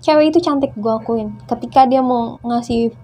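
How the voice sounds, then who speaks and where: A young woman, a guest in casual conversation who tells her story lively and acts out the dialogue. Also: on the high side, moderate pace, soft background music.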